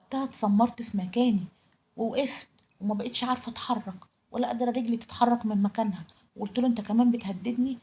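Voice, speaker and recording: A woman's voice: fairly high pitch, steady tone, racing, darkish tone, husky. A young Egyptian woman telling a dramatic first-person story in an emotional, confessional way. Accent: Egyptian Arabic. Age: young adult.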